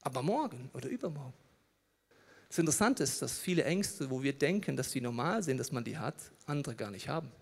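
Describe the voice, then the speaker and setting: A middle-aged male pastor preaching a sermon. He speaks straight to the listener and swings from loud outbursts to hushed asides. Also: medium pitch, quick pace, creaky, few pauses, big-room sound.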